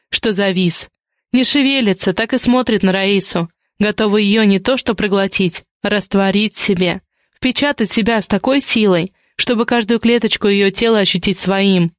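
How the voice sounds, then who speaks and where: A woman narrates a romance audiobook in a calm, even storytelling voice. Her pitch sits in the middle range for a woman. The recording is dry and close to the mic. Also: no room sound. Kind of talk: scripted narration of a romance novel.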